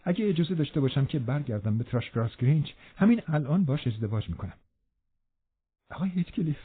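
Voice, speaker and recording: A man's voice: fairly high pitch, slightly rough. A man reading aloud, voicing a desperate young woman who pleads and begs in an audiobook. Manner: pleading, imploring. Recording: narrow phone-like band.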